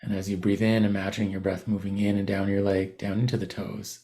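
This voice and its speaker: Leading a body scan meditation, a man gives calm, gentle guidance at an unhurried pace, stopping mid-phrase at times. His voice is on the low side and monotone.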